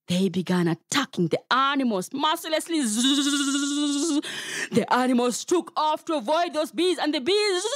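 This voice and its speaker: A woman's voice: medium pitch, no room sound, studio quality. A Kenyan woman telling a story to children, playful and talking straight to her young listeners. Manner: playful, addresses children directly.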